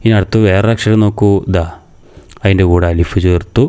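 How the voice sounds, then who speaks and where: Low-voiced guy from kerala walking kids through a reading lesson, asks and answers his own questions, mellow tone. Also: steady tone, smooth. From Kerala, India. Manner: patient, asks questions and answers them himself; says sounds slowly and repeats them. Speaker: madrasa teacher.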